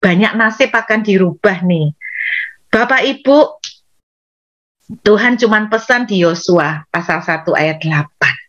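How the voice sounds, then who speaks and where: A woman from Indonesia preaches an animated sermon, talking straight to her listeners and leaping into acted outbursts. The recording is dull and lo-fi. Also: medium pitch, measured pace, long pauses. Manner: animated, addresses congregation directly, acts out angry outbursts.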